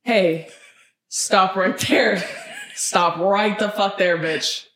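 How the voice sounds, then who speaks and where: Sassy girl cohosting a podcast, swears a ton, blunt and emphatic, mid pitch, roomy sound. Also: slow, fairly bright tone. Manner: emphatic repetition for effect. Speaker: podcast co-host. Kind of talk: casual podcast chat.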